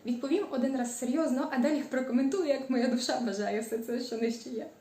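A woman's voice: sits high, fast talker, warm tone. Woman who drags out word endings, echoey kitchen. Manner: frequent hesitant fillers. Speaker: cooking vlogger. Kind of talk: casual home cooking vlog. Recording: echoey room.

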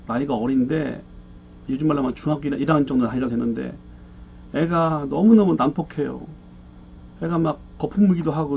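A man preaching a sermon, telling a story with lively, acted-out quotes. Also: a little high, vocal fry. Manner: animated storyteller, acts out quoted voices with shouting. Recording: muffled lo-fi recording with faint hum.

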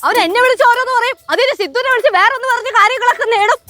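A quarrelsome sitcom character with a very high, bright voice. She scolds and snaps at her family. Soft music plays behind her. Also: rapid-fire. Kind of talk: TV sitcom acting.

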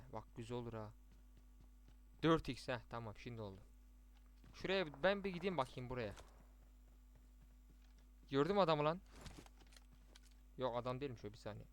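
A young man commentating his mobile shooter match with teammates, chatty, muttering to himself and then bursting out excitedly. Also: mid-range voice, a little fast, long pauses, a little hiss or hum. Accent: Turkish. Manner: chatty, swings between muttering and excited outbursts. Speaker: gaming streamer. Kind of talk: live gameplay commentary with teammates.

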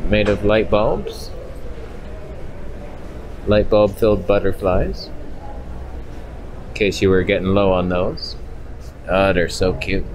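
Through a market and outdoors, a thirty-something vlogger keeps up casual, joking commentary into a handheld camera at arm's length. His low voice is steady and slow, broken by long pauses, and his humor is wry. Ambient noise makes the recording noisy.

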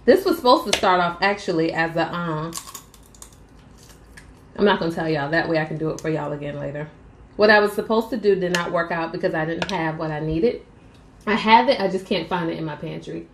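A woman's voice: fairly low pitch, brisk, a little hiss or hum. Girl chatting to y'all while she eats, echoey little room. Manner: chatty, addresses viewers as y'all, eats between sentences. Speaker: mukbang vlogger. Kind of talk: casual eating vlog chat. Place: small room at home, indoors.

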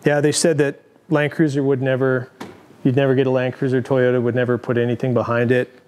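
A man in his forties giving a casual tour of his large garage workshop, talking in a relaxed, rambling way with many fillers and restarts. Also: medium pitch, brisk. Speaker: overland company founder giving a shop tour.

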